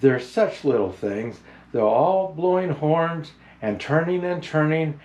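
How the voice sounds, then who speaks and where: A man playing a jolly old Santa Claus who hosts a picture book reading in a gentle, halting, unhurried manner. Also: on the high side. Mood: gentle storytelling.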